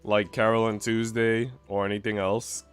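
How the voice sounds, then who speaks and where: His voice is lowish and clean, with a level tone and moderate pace, over faint music. The man is streaming a game, swapping between casual, slangy, swear-filled chatter and reading visual novel narration aloud.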